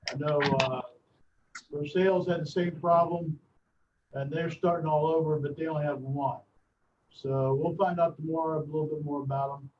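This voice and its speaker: A man speaks as if from inside a well, his voice distant and dull over a remote line with a faint hiss behind it. He gives his report in a slightly high voice, halting often with filler sounds. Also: darkish tone. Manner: halting, many filler pauses. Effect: distant, muffled, as if speaking from inside a well. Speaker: mayor. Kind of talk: administrative report at a council meeting. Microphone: remote call-in line. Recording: distant muffled call-in line with faint noise.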